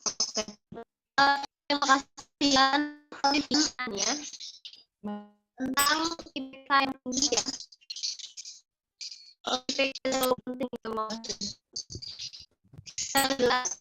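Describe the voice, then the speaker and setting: A woman's voice: sits high, fairly even intonation, slow pace, pauses often, over loud music, poor audio. A woman speaking as a guest over a remote video call, her audio breaking up and cutting out from a weak connection, as she keeps checking whether she can be heard. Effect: choppy, cutting-out audio from a weak internet connection.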